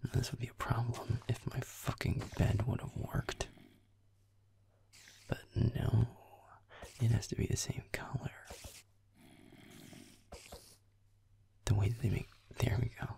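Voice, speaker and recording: Breathy and gravelly, in a half-whisper of medium pitch at a moderate pace, a man voices a sulky, aloof young werewolf boyfriend who games. His deadpan, sweary video game commentary in this roleplay audio drips with sarcastic irritation.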